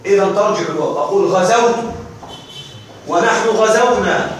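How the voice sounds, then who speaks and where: A man with a high voice at a moderate pace teaches a grammar lesson, drilling verb forms aloud and often checking that his students are following. The room is echoey, the mic distant, with faint noise.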